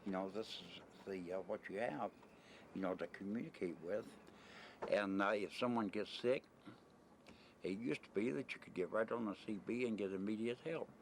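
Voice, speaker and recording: Speaking at a moderate pace in a low voice, an older American man who retired from the merchant marine gives a rambling, casual interview, plain-spoken and blunt with a bit of mild profanity. Ambient noise from the desert camp where he's filmed fills the noisy 1990 home-video audio.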